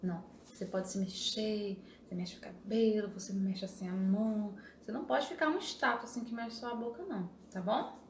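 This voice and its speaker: A woman's voice: medium pitch, brisk, reverberant, slight background noise. A young adult woman teacher with a Brazilian Portuguese accent, giving a remote lesson to young children and explaining step by step in an encouraging way with many tag questions.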